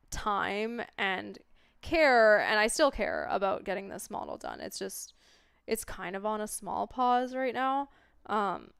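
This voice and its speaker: Woman, stoned livestreamer, laid-back rambling chat, smooth clear voice, medium pitch, dry close sound. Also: dry recording. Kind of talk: casual livestream chat with viewers.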